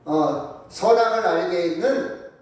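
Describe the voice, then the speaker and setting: A man's voice: high-pitched, slow. A male pastor preaching a sermon. He keeps asking the congregation questions and repeats key words for emphasis. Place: church sanctuary. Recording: echoey church hall from far off.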